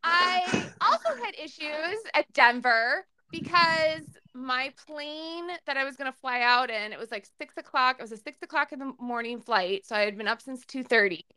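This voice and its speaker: A woman co-hosting a podcast, telling an animated story in casual chat and acting out the people she quotes. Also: high-pitched, normal speed, few pauses, clear, resonant tone. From Minnesota. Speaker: podcast co-host.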